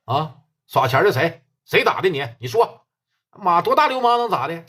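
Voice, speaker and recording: A man's voice: fairly high pitch, sing-song, moderate pace, fairly bright tone, husky, exaggerated voice. Man doing a pushy Northeastern police captain. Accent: Northeastern Mandarin. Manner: blunt, pushy questioning. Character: brash middle-aged male police captain, domineering.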